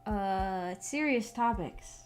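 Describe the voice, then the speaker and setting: A young adult woman with a mid-range voice chats casually on a live stream, speaking slowly. She rambles and hesitates, trailing off mid-thought, while guitar music plays in the background.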